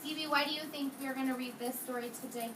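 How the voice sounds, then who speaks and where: This woman talks fast, her high voice fairly even in intonation, while reading aloud interactively to a kindergarten class. She asks the children questions and repeats their replies, recorded from a distance in a roomy, noisy classroom.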